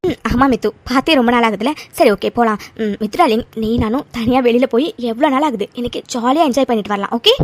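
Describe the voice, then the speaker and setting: A woman's voice: on the high side, fast, few pauses, dry recording, lightly acted. A woman voicing a chatty, fond young woman in a cartoon. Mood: breezy.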